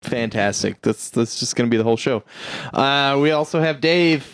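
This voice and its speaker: A man hosting a casual movie review podcast, talking haltingly with many fillers and restarts. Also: mid-range voice, clean tone. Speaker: podcast host.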